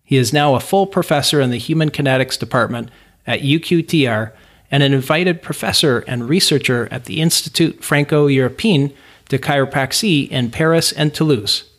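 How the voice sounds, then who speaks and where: A male podcast host reads a scripted guest introduction in an even, measured way, then moves into interview questions with warm, encouraging replies. His voice sits at an average pitch for a man.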